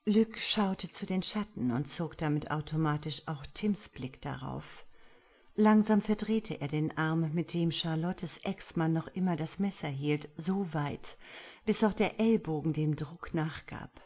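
A woman with a low voice narrates a thriller audiobook. Her reading is measured and dramatic. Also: a little mellow, husky.

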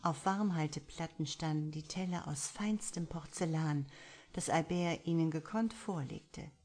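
Woman narrating an audiobook, calm and low. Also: unhurried. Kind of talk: scripted narration.

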